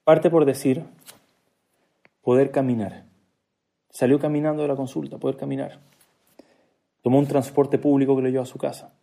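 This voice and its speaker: Mellow-voiced man telling a sermon story. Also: mid-range voice, little pitch movement, moderate pace, vocal fry, pauses often. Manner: storytelling, with joking asides to listeners; acts out quoted dialogue. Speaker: speaker giving a religious talk.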